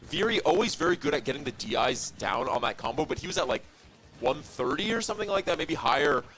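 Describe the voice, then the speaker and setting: A young man giving fast, analytical play-by-play commentary on an esports match, shouting on big plays. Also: on the high side, expressive, soft background music.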